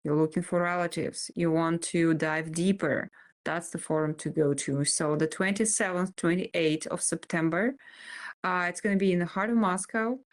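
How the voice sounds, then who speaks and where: Female seminar guest, Russian accent, fairly low pitch, informal delivery. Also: fairly even intonation, moderate pace.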